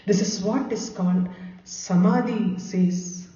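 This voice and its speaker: A woman's voice: mid-range voice, steady tone, slow, dark tone, far from the mic. A woman giving a devotional scripture lecture who chants Sanskrit verses and then explains them, often repeating phrases. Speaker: spiritual teacher. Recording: roomy hall recorded from afar, dull lo-fi.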